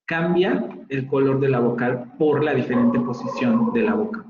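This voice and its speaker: In a slightly dull, roomy recording with faint ambience, a man lectures a university phonetics class. He has a Mexican Spanish accent and a mid-range voice at normal speed, explaining concepts and repeating example words to show their pronunciation.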